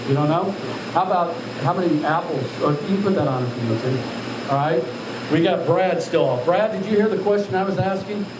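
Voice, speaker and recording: Echoey distant man instructing over loud noise. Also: fairly high pitch, a little fast. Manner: directive, questioning, addresses trainees as sir. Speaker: altitude chamber instructor. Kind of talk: live instruction, checking on trainees. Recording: echoey, distant mic, loud machinery hum.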